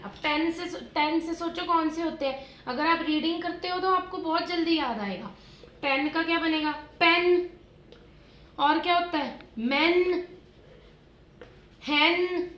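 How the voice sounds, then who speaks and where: A woman teacher giving a phonics lesson to young children, sounding out rhyming words slowly and repeating them in drills. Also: high voice, fairly bright tone, reverberant. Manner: slow, drawn-out word drills addressed to children as "beta". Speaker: primary school teacher.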